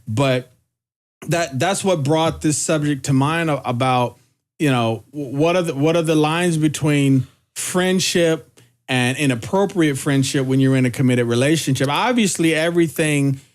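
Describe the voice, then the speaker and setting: A man hosting a casual podcast chat, talking in a reflective, measured way and choosing his words carefully. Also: on the high side. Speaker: podcast host.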